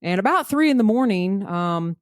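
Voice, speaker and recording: A woman's voice: mid-range voice, animated, moderate pace, no room sound. Woman hosting, dry sound. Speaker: podcast host interviewing a guest. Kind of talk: casual conversational interview.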